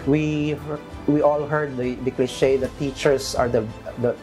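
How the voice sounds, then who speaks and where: A man's voice: medium pitch, level tone, measured pace, darkish tone. A man in his thirties with a Filipino accent, an interview guest who mixes English and Filipino, speaking earnestly with frequent restarts. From Philippines. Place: bright studio room, seated on a sofa. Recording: music bed under the voice.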